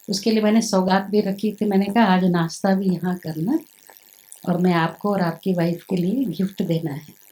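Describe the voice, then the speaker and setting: Middle-aged woman, animated storyteller, mid-pitched, acts out the dialogue in her stories. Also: low-quality recording. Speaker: spiritual center sister sharing experiences. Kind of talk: storytelling talk.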